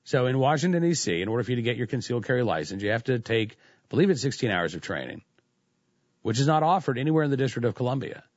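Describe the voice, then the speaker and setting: A man's voice: mid-range voice, animated, fast talker, dry recording, dull audio. A man hosting political talk radio, commenting in a sarcastic, conversational way with frequent restarts. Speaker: radio talk show host.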